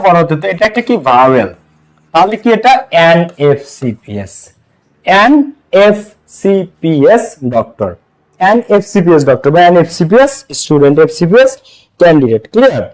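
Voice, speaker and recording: A young English teacher from Bangladesh teaches a live online class in a fairly high, sing-song voice at a fairly quick pace. He keeps asking his students short questions, answers them himself, and repeats key words again and again, all on a low-quality recording.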